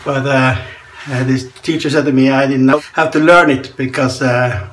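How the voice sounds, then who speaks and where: In a cramped tiled bathroom, a forties-aged Norwegian man makes easygoing conversation as he shaves, laughing softly between comments. He speaks at normal speed with a medium, fairly bright voice, even intonation and a Norwegian accent, recorded up close by a front camera with a little hiss or hum.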